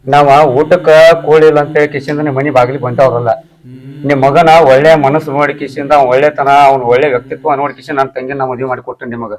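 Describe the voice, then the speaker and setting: A man's voice: mid-range voice, fairly even intonation, fast, natural voice, rough recording. A man with a North Karnataka Kannada accent playing an earnest young villager who pleads reproachfully. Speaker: son and in-law in a comedy skit. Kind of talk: village comedy drama acting.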